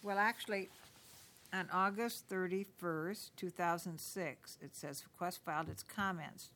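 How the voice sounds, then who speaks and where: A woman's voice: fairly low pitch, measured pace, fairly bright tone, slight background noise. A woman chairing a commission hearing, asking questions and clarifying details conversationally. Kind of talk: formal hearing.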